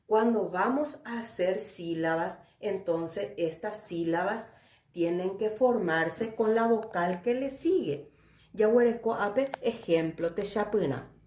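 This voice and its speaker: A woman teaching a Guarani language lesson, explaining slowly and checking understanding with little questions. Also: medium pitch, a little mellow, reverberant. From Paraguay.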